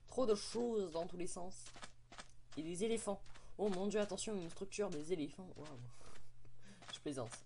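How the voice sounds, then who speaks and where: A man's voice: sits high, a little slow, a little mellow, slight background noise. A young man, giving playful, chatty commentary on his game and exclaiming at what he finds. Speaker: Minecraft let's play host. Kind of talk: casual gameplay commentary.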